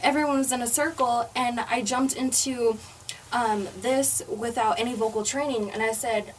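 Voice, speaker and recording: A woman in her twenties with a fairly high voice tells her story in an animated, joking way, as a singer guest on a casual podcast. She sits a little away from the mic, with a faint hiss of background noise behind her. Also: normal speed, far from the mic. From United States. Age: 20s. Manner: animated storyteller, jokey, talks to viewers.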